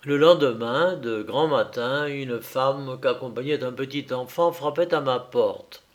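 A man reading a literary story aloud as narrator in a measured, deliberate way. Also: mid-range voice. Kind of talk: scripted audiobook narration.

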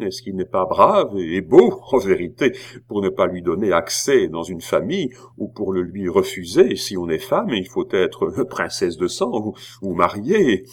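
A man's voice: low voice, slightly rough, full character voice. A man reading the part of a stern, suspicious middle-aged king who presses with cold questions. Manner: probing, coldly insistent.

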